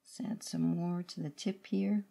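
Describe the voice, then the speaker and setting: A middle-aged woman gives a hands-on art tutorial at a very unhurried pace. Her voice is slightly low with plenty of vocal fry, and she talks in brief, scattered phrases while working. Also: steady tone, warm tone. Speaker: watercolor painting instructor. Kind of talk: unscripted step-by-step art tutorial. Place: indoor studio room at a worktable.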